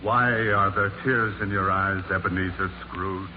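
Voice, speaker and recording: Solemn low-voiced spirit, old radio. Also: male voice, fairly even intonation, measured pace, loud music behind the voice. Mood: grave. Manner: grave, declamatory. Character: solemn, stately male Christmas spirit. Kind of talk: 1940s radio acting. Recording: narrow-band, hissy 1940s radio recording.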